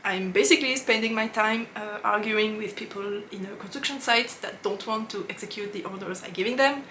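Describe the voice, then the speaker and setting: A woman with a French accent, a knitting podcast host chatting casually, laughing often and pausing with fillers as she searches for English words. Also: mid-range voice, bright, forceful tone, slight background noise. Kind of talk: casual chat to camera.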